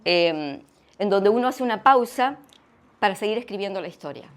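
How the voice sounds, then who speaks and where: A middle-aged woman with an Argentine accent, sharing a personal testimony at church in an earnest, reflective way, pausing and restarting often. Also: mid-range voice, lively intonation. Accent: Argentine Spanish. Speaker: guest speaker sharing testimony.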